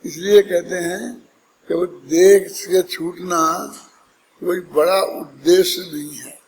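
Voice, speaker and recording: A man's voice: high voice, fairly even intonation, slow, a little mellow, long reverb tail, slight background noise, low-quality recording. A man giving a scripture discourse, explaining step by step and putting rhetorical questions to his listeners. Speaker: Jain scripture teacher.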